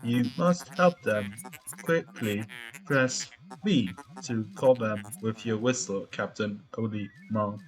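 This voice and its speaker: A man voicing a calm, formal male spaceship computer, reading game dialogue aloud in a stiff, instructive manner over music. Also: on the low side, slow, rough recording. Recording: music playing behind.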